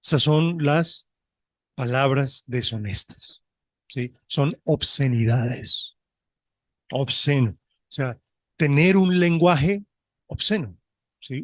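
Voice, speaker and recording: Brief: male pastor, unhurried teaching sermon, slightly high voice, close dry mic. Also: dry recording. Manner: teaching, often checks with "¿sí?"; reads scripture slowly and deliberately.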